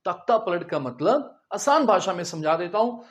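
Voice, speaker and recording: A man's voice: high voice, expressive, moderate pace, dull audio. A male teacher giving a vocabulary lesson, spelling each word letter by letter, explaining it in simple terms and putting questions to his students. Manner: addresses the students directly with questions.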